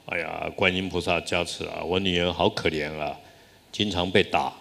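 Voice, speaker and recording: A man voicing a grieving old mother in a story, lamenting and pleading softly. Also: deep voice, fairly even intonation, normal speed, vocal fry. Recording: long hall reverb.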